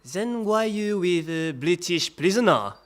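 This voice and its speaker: An actor plays a leering Japanese army colonel in an audio drama, speaking halting, insinuating English with a Japanese accent. The male voice sits high and is a bit bright, with lively intonation and a commanding, probing mood.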